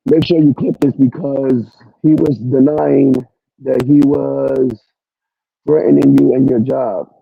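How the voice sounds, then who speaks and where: A man's voice: mid-range voice, steady tone, slow pace, creaky, breathy edge, dry recording, muffled recording. A man hosting a livestream, ranting at people in a profane, confrontational, repetitive way. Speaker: live stream host. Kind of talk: heated livestream rant. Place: at work.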